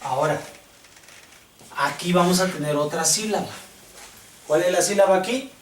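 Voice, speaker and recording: A man teaching a classroom lesson, slow and patient, often checking whether the class understands. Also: sits high. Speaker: Hebrew teacher. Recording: echoey room, distant mic, faint hiss.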